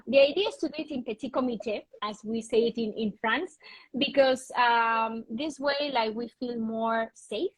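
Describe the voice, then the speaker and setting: A woman's voice: a little high, husky, dry recording, low-quality recording. A woman guest on a video-call interview, explaining her wellness program in an earnest, passionate way. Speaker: guest, wellness retreat host. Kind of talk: interview conversation.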